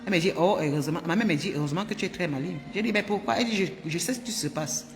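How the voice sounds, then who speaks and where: A woman from Cameroon, telling her viewers a personal story in an animated, emphatic way and repeating herself often. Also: on the low side, very fast, in a large hall, over music. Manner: animated and emphatic, with frequent repetitions. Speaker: vlogger.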